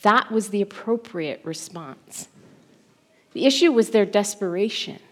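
A woman in her thirties preaching a sermon, telling the story expressively and swinging from urgent to hushed. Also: medium pitch, animated, unhurried.

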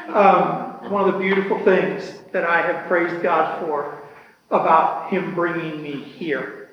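Man, teacher of a church discussion class; slow, earnest and reflective delivery, higher-pitched voice, echoey church room recording. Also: fairly bright tone, lo-fi sound, slight background noise. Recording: echoey hall with long reverb.

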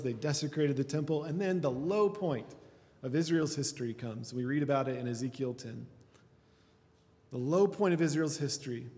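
A man's voice: fairly high pitch, dark tone, big-room sound. A male pastor preaching a sermon, building through lists with rising emphasis. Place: church.

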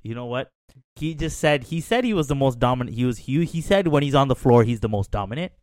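A man's voice: medium pitch, animated, quick pace, darkish tone, no room sound, clean studio sound. A man on a sports talk panel, speaking with confidence, trash-talking the other team and often tagging on "right?".

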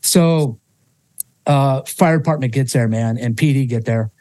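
A man speaks as a podcast guest with a mellow, relaxed tone in a dry, close-sounding room. He tells a personal story with raw emotion, swears freely and often restarts his sentences. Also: medium pitch, a little slow, no room sound.

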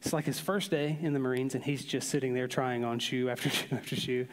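A man preaching a sermon, telling stories with an animated, drawn-out emphasis. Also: medium pitch. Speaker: pastor. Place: large church hall. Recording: long reverb of a large hall.

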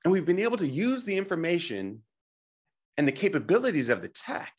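A man's voice: a little high, very animated, brisk, husky. A middle-aged man giving a motivational slide presentation, emphatic and coaching, putting questions to the listener and checking in. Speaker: presenter and teacher on health technology.

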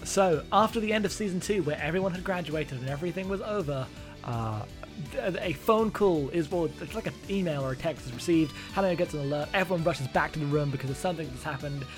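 A man's voice: fairly high pitch, fast, music in the background. A man co-hosting a podcast, casually recapping an anime movie in a rambling, amused way with lots of fillers. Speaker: podcast co-host.

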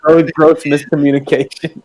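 A man in a casual chat, joking quickly with his friends. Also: on the high side, little pitch movement, darkish tone, low-quality recording. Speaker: podcast co-host.

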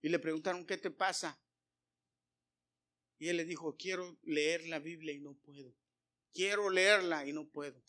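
A man's voice: on the high side, steady tone, moderate pace, pauses often. Emphatic preacher man. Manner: emphatic, swings between loud calls and hushed lines; addresses congregation directly with rhetorical questions. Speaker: pastor. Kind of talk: sermon.

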